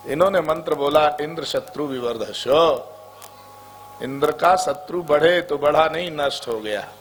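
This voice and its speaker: A man's voice: fairly high pitch, normal speed, slight background noise. A man from the Braj region preaching a devotional sermon, telling stories, chanting repeated words and singing verses to his listeners. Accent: Braj Hindi. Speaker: kathavachak preacher. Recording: music playing behind.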